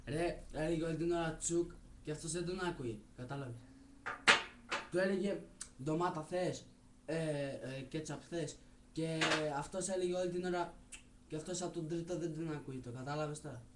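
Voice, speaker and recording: A young man telling crude jokes in a blunt, offhand way. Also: a little high. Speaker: joke teller. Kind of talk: casual joke telling. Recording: echoey room, faint noise.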